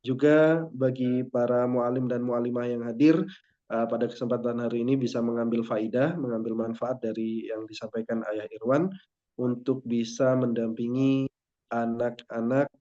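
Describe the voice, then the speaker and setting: A man moderating a parenting session, reading out questions and thanking the speaker, with hesitant pauses and fillers. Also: medium pitch, level tone, dark tone, highs cut off.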